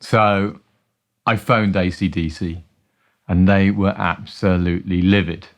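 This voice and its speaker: A man telling wry, animated stories in a documentary interview. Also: sits low, unhurried. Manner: animated, wry anecdotes with playful quoted voices. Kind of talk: storytelling interview.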